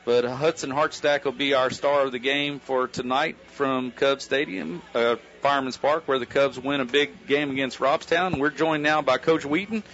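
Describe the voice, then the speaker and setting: A man's voice: fairly even intonation, moderate pace, few pauses, a bit bright. An American man working as a baseball announcer, giving post-game commentary and interviewing in colloquial, folksy phrasing. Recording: dull low-fi local radio broadcast.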